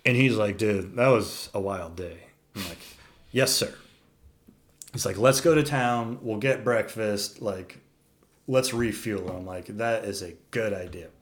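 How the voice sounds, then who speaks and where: Animated young man telling a wild story. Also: on the low side, measured pace. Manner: animated, profane, says "dude" a lot, acts out quotes. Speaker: storyteller guest. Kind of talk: casual storytelling.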